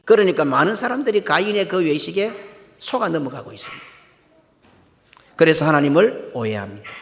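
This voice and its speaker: A man's voice: fairly high pitch, big pitch swings, fairly quick, creaky. A middle-aged male senior pastor, preaching a sermon with emphatic rhetorical questions to the congregation. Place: church sanctuary. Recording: long church hall reverb.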